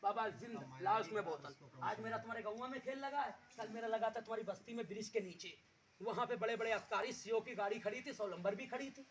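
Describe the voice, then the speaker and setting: A man working as a street magician, calling out loud hawker-style patter to the people at an outdoor village show. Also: high voice, fast, slight background noise.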